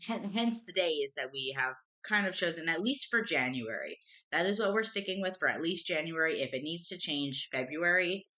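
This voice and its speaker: A woman streamer talks casually to her chat, emotional and rambling. Her voice sits low yet sounds bright and edgy, and she often trips over her words and starts again. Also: expressive, normal speed. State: tearful at times. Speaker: streamer co-host.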